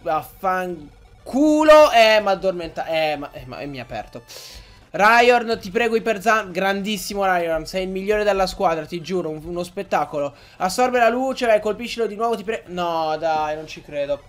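Young man, high voice, gaming commentary, excitable, swears, faint game music behind. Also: normal speed. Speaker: gaming YouTuber. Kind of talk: Let's Play commentary.

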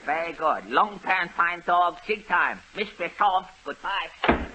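In an old, noisy radio broadcast with the highs cut off, a man plays Longpan, a bumbling, pidgin-talking detective in a 1930s radio comedy. His voice is high-pitched with lively intonation and an unhurried pace. Pompous in mood, he speaks in clipped, broken sentences and chuckles at his own puns.

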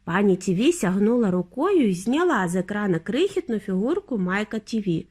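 Expressive woman reading a children's story. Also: mid-range voice, normal speed, slightly rough. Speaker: narrator.

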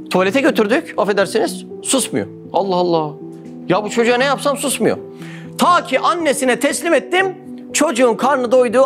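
High-voiced guy preaching a religious lesson, keeps asking questions and answering them, soft music under it. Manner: repetitive rhetorical questions and answers. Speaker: religious speaker.

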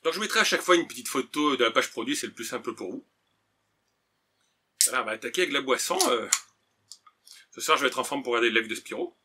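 Chatty man with a bright voice. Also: mid-range voice, lively intonation, quick pace, long pauses, slight background noise. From France. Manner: chatty, hesitant, many "euh" and "voilà". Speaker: vlogger tasting food. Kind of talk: casual unboxing and tasting chat.

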